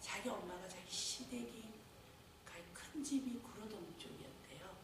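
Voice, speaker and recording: A woman's voice: mid-range voice, normal speed. Woman speaking in an echoey hall. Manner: lively storytelling with frequent laughter. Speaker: director of a care home. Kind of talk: lecture at a faith talk series. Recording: very echoey hall, distant mic, noise.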